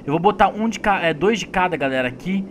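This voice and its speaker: Fast, joking Brazilian gamer as flight attendant. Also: male voice, sits high, animated, slight background noise. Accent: Brazilian Portuguese. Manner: joking, rapid, switches into passenger voices. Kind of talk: playful game role-play.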